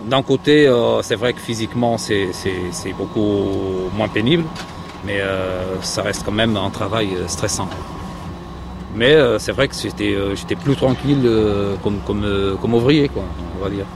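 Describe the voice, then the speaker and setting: A man's voice: on the low side, unhurried, vocal fry. A man from Portugal, a construction site supervisor, answering interview questions in a hesitant way, full of fillers and restarts. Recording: street noise and traffic behind.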